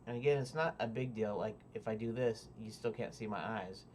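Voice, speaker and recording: A man's voice: on the low side, fairly quick, darkish tone, a little hiss or hum. Rambling man talking to his webcam. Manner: rambling and hesitant, many fillers and restarts. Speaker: indie game developer. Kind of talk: casual devlog talk to camera.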